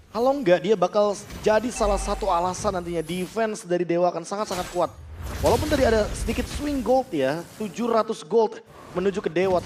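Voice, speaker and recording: A man with an Indonesian accent working as an esports caster, giving emphatic, explanatory analysis of the match. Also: sits high. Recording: music behind the voice.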